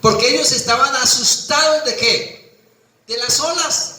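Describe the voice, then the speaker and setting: A man's voice: extremely high pitch, a little slow, bright, forceful tone, roomy sound, low-quality recording. A man preaching a sermon with fervor, acting out the voices of the people he quotes. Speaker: pastor.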